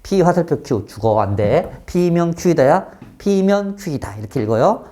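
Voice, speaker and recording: A man teaching a math class, often stopping to check that students follow and switching between polite and blunt speech, with sudden loud exclamations. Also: on the high side, lively intonation, takes it slowly.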